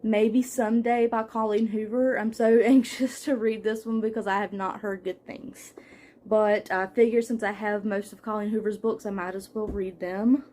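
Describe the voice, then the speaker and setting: A woman's voice: medium pitch, little pitch movement, moderate pace, mellow. A young adult woman chatting casually as a book vlogger at home, listing titles from her shelves with fillers and small laughs. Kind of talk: casual book haul chat. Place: home room with bookshelves.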